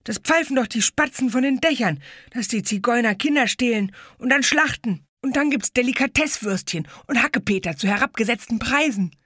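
A fat, boastful boy who jeers with smug importance, played by a woman narrator. His voice is high and loud, pushed well above her own. The sound is dry and close. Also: animated, a little fast, hardly any pauses, slightly rough, dry recording. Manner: smug, then cowering.

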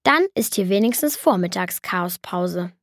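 A woman's voice: fairly low pitch, lively intonation, unhurried, dry recording. Fields: A woman voicing a grumbling, dry-humored middle-aged father in a children's audiobook. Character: gruff joking father, middle-aged man.

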